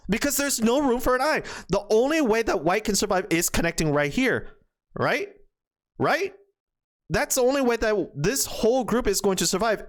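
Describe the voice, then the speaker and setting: A man with a high voice commentates a Go match move by move. He thinks aloud and reaches for words with plenty of fillers. He keeps bursting into excited reactions. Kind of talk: game commentary.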